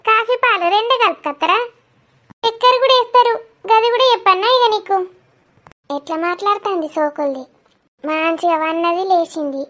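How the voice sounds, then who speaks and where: A woman's voice: extremely high pitch, brisk, long pauses, fairly bright tone. A woman with a Telangana accent performing a chatty, scolding village family comedy skit. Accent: Telangana Telugu.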